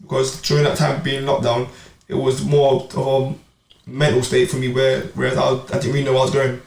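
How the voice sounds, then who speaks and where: A man's voice: mid-range voice, a little fast, gravelly. A young man telling his boxing story in a casual podcast chat, full of slang and repeats. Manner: animated storytelling with street slang. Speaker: amateur boxer and club player. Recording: roomy, distant mic, faint noise.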